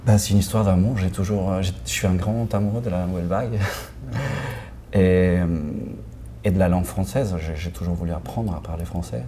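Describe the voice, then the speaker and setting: A man's voice: low voice, normal speed, mellow, a little hiss or hum. A man in his forties from Argentina with an Argentine Spanish accent, a native Spanish speaker, answering interview questions in a hesitant way, restarting often and laughing. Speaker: film director.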